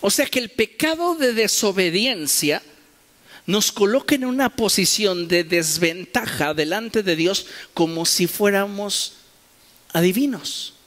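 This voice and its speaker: A male preacher with a fairly high voice delivers an emphatic sermon. He keeps asking his listeners pointed questions and acts out both sides of imagined conversations. His voice rings through a church hall with a long reverb. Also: animated, measured pace, fairly bright tone. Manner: emphatic preaching, rhetorical questions, acted-out dialogue.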